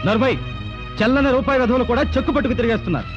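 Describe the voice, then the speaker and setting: A man's voice: extremely high pitch, racing. An actor playing an angry male creditor who lectures and threatens. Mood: scolding. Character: angry, scolding male creditor, middle-aged. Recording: muffled film soundtrack with loud music.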